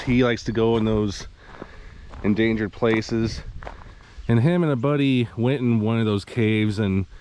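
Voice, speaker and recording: A man's voice: fairly low pitch, a little mellow, a little hiss or hum. A man with a Midwestern American accent, chatting casually and rambling with chuckles as he hikes a wooded trail, a little out of breath. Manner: rambling, chuckling, hedging with fillers. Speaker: hiking vlogger. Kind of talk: casual vlog narration while hiking. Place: outdoors on a wooded hiking trail.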